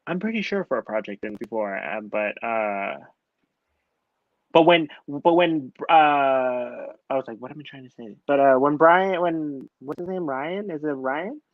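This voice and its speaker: A man's voice: medium pitch, animated, unhurried, no room sound, phone-quality sound. A man co-hosting a casual reality-TV review, rambling with many restarts and fillers. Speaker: podcast co-host.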